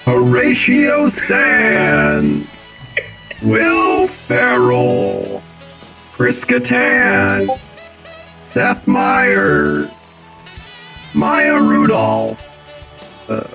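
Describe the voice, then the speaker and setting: A stiff robot announcer, put on by a man, reads out names slowly and deliberately. Each name swings wildly up or down in pitch, and now and then it pauses to say "computing." Music plays behind the voice. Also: huge pitch swings, full character voice. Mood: announcing. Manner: slow, deliberate announcing with big pitch jumps, says "computing". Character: stiff male robot announcer reading a lineup. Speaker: podcast co-host. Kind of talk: casual comedy podcast chat.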